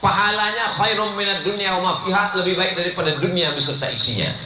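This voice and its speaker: A middle-aged man gives a live sermon in a fairly high, piercing, forceful voice. He jokes, acts out small scenes and quizzes the crowd. The sound rings around a large, roomy hall. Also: fast, slight background noise. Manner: playful, acts out little scenes, quizzes the audience. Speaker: Islamic preacher. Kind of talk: live humorous sermon to a congregation.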